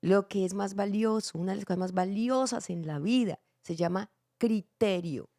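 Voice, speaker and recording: Gravelly-voiced animated woman podcast host. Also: medium pitch, normal speed, no room sound, studio quality. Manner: animated, acts out quotes with shifting voices. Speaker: podcast host and church theater director. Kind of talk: casual family podcast chat.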